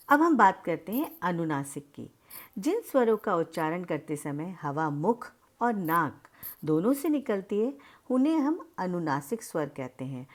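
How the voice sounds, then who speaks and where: Slow, lively-voiced woman teaching a class. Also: on the low side. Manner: slow, drawn-out demonstration of vowel sounds; addresses students directly and explains step by step. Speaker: school Hindi teacher. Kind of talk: recorded grammar lesson.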